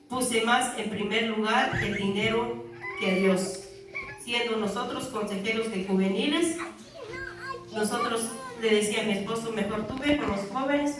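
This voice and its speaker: A woman whose voice is fairly high and fairly bright testifies earnestly before her congregation as a church member, calling the listeners brother and sister. The hall is very echoey, the mic is far away, and faint music plays.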